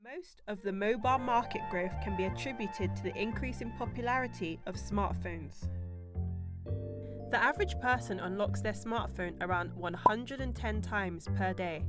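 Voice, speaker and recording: A woman narrating a student documentary in a measured, scripted read. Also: medium pitch. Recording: voice-over with loud music bed. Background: loud background music.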